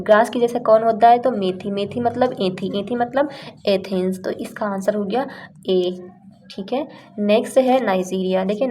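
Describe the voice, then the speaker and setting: A woman's voice: mid-range voice, mellow, slight background noise. A young woman teaching exam facts in a casual, chatty way, using playful memory tricks. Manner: chatty, explains with playful rhymes and acted-out lines.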